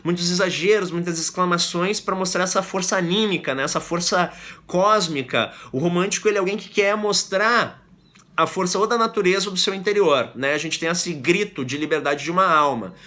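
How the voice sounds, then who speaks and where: A man giving a literature lesson, explaining in a conversational way with frequent tag questions and reading poetry aloud slowly. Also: sits high, sharp tone. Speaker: literature teacher.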